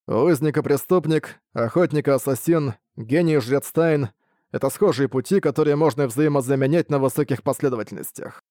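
Hoarse mysterious guy, slow and measured, mellow dark tone, read by a man. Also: medium pitch, no echo, studio quality, natural voice.

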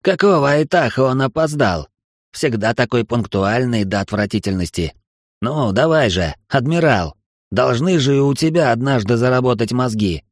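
A man's voice: medium pitch, normal speed, no echo, clean studio sound, close to an everyday voice. A man voicing a bitter, spiteful alien male outlaw with tail spikes, speaking in a sneering, mocking way for an audiobook. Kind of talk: audiobook character voice.

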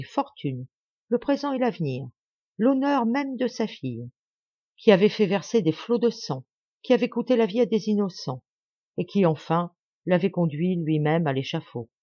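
A woman's voice: medium pitch, warm tone, dry recording. Woman narrating a classic novel. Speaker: audiobook reader. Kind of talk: literary audiobook narration. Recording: dull dry lo-fi audio.

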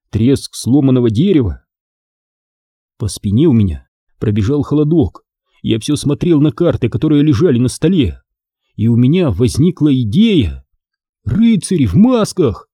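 A man reading a first-person adventure story aloud in an expressive, dramatic way. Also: mid-range voice, normal speed, breathy edge, no echo, studio quality. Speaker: audiobook narrator.

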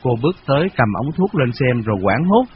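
A man reading a novel aloud in a steady, measured storytelling voice, on a dull lo-fi radio recording. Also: medium pitch, a little hiss or hum. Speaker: narrator.

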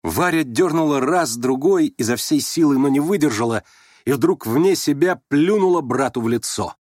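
A man narrating a classic novel in a steady, measured audiobook reading. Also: a little high, no room sound, studio quality.

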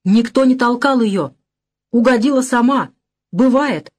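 A woman voicing a drunken, unshaven older father who talks in a hoarse, angry bass with slurred bluster. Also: animated, a little slow, a little mellow. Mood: defensive.

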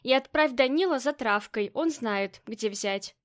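A woman reading the lines of a grieving, hot-tempered female gang boss in an audiobook, moving between flat weariness and sharp commands. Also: on the high side, a little slow. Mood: commanding. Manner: shifts between flat weariness and angry shouting.

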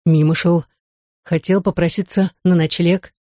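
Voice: medium pitch, little pitch movement, measured pace, dry recording, clean studio sound, close to an everyday voice. A reader voicing a guarded young cadet. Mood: evasive. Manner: quiet, evasive replies.

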